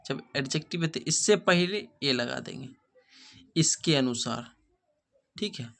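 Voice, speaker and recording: A man's voice: medium pitch, expressive, unhurried, creaky, fairly bright tone. A man teaching an English grammar lesson, asking rhetorical questions and checking whether students follow. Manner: repeats rhetorical questions, checks understanding often.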